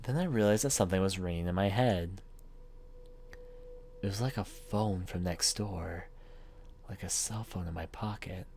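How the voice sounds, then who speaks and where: A man with a low, darkish voice reads a horror visual novel aloud as a let's player, delivering dramatic first-person story narration. Game music plays behind his voice.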